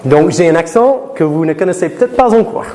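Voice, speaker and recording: A man from Florida lecturing students in a lecture room, lively, and slowing to careful English for learners. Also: on the high side. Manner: lively, switches to slow deliberate English for learners. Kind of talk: classroom talk to students. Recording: reverberant hall with faint noise.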